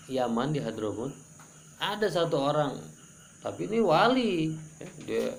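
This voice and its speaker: Gravelly guy preaching, jokey and animated, faint hiss behind, crickets. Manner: animated, joking, pitch jumps for emphasis. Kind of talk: religious study sermon.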